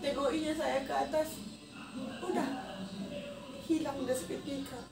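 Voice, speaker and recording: A woman in her thirties telling a personal story in a halting, emotional way. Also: high voice, steady tone, vocal fry. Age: 30s. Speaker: vlogger. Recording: echoey distant mic with noisy ambience.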